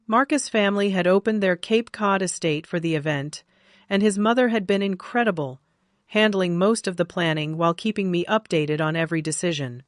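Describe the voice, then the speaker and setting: A woman narrates a first-person family story in a calm, even reading. Her voice is lowish for a woman, and the recording is dry and close to the mic. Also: brisk, no echo.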